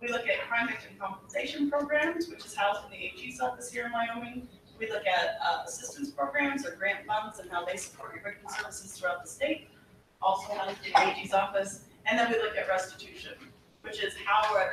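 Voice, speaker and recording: A policy presenter giving a formal, explanatory briefing to a legislative committee, earnest and often pausing on fillers. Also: medium pitch. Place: legislative hearing room. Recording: echoey hearing room from far off, with background noise.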